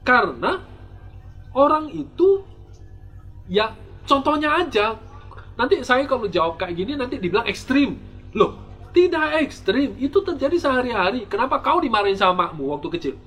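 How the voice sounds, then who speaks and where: A man's voice: very high-pitched, big pitch swings, a little fast, long pauses, sharp tone, breathy edge. A man, a Buddhist monk, giving a dharma talk and answering viewer questions with rhetorical questions, teasing humor and frequent restarts. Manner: frequent restarts and repeated words.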